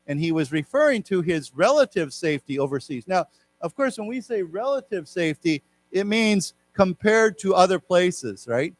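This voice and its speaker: A man's voice: high-pitched, expressive, normal speed. A man, raised in Taiwan, teaching a live English class, explaining words and having the class repeat them. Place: lecture room.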